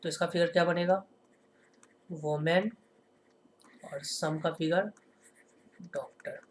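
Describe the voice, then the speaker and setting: A man teaching a lesson in a classroom style. He keeps asking rhetorical questions and answering them himself, and he slows down to stress each example sentence. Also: fairly high pitch, fairly even intonation, slight background noise.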